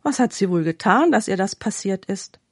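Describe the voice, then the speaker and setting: A woman's voice: mid-range voice, lively intonation, moderate pace, husky, no room sound, studio quality. A woman reading the lines of a talkative king in a parable, puzzled and questioning.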